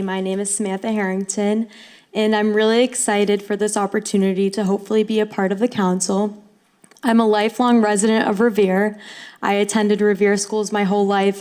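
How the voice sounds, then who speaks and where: Woman in her twenties, smooth clear voice, even delivery, earnest applicant. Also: mid-range voice. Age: 20s. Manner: fluent, earnest, eager. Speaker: appointee to cultural council. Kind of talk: prepared statement at a council meeting.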